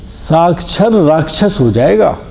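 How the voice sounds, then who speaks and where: Brief: male scripture teacher, gravelly and mellow, slightly high, talks through examples with emphasis. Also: lively intonation. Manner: explains slowly with examples, stresses words. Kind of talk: Jain scripture discourse. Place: discourse hall.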